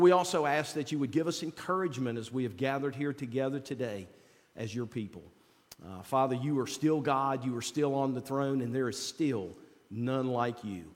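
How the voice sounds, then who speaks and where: A man leading a church service as pastor, speaking at a pulpit microphone, with halting speech full of repeats and fillers. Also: mid-range voice. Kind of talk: welcome and opening prayer. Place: church sanctuary. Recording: long church-hall reverb.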